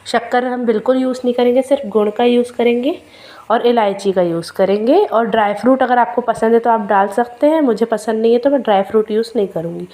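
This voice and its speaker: A woman's voice: on the high side, a little fast, warm tone. Chatty Hindi-speaking cooking host woman, sore throat. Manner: chatty, addresses viewers as friends, explains step by step. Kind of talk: casual cooking demonstration.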